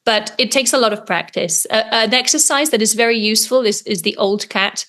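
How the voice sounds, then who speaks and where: A woman's voice: a little high, a little fast, a bit bright. A young adult woman, a metal singer, chatting enthusiastically in an interview, with plenty of ums and restarts. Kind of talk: casual interview chat.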